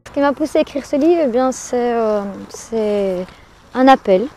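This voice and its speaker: A woman, a life coach and author, giving thoughtful interview answers, hesitating often with pauses and fillers. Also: on the high side, animated, music in the background.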